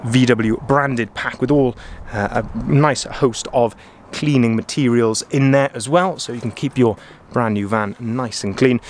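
Filming while walking around a van on an outdoor car lot, a young salesman gives an upbeat, enthusiastic review, saying um often. His voice is medium-pitched, picked up by a camera-mounted mic with slight background noise.

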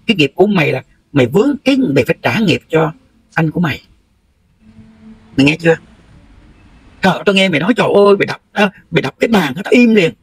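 A man's voice: high voice, slightly rough, dry recording, poor audio. A middle-aged man with a Southern Vietnamese accent, delivering a heated, confrontational livestream rant and scolding someone bluntly. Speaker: livestream host.

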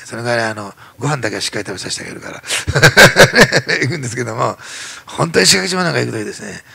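Japanese man preaching in church, fast and animated, sharp bright tone with heavy gravel. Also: mid-range voice. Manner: animated storytelling, acts out quoted voices. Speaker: pastor. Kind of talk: sermon.

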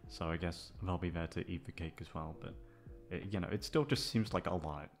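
A voice actor in his twenties rambles casually and hesitantly to listeners, putting himself down and swearing freely. His voice sits low and moves a little fast, with music playing behind him.

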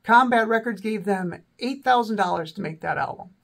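A man in his forties hosts his own channel, casually talking through rock albums with lots of ums and self-corrections from a small indoor room with a backdrop. He has a cold and a slightly sore throat, so his high, fairly bright voice sounds raspy and may crack. He speaks at a normal speed.

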